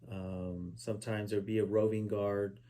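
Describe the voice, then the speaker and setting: A man in his forties from Southern California, a veteran answering oral history questions at a relative's house, halting with many fillers and restarts. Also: fairly low pitch, flat delivery, dark tone. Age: 40s. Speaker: interviewee, Army veteran. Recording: poor quality home recording.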